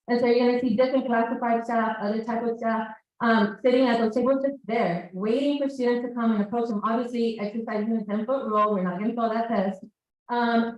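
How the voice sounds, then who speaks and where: Addressing college staff in a big, echoey hall before an audience, this staff presenter from El Salvador, a native Spanish speaker, has a voice on the high side. She's lively and speaks to the crowd directly, though the distant mic makes the sound dull.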